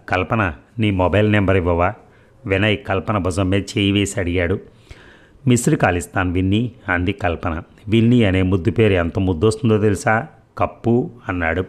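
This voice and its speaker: A man narrating a novel aloud, reading every part himself and lifting his voice a little for the dialogue. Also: fairly low pitch. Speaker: audiobook narrator. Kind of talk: novel read aloud, all parts voiced.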